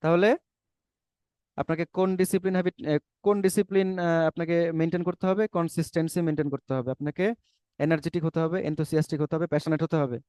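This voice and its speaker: A man's voice: a little high, fairly even intonation, brisk, darkish tone, clear, resonant tone, dry recording. A man giving a persuasive webinar lecture as a spoken English teacher, asking rhetorical questions.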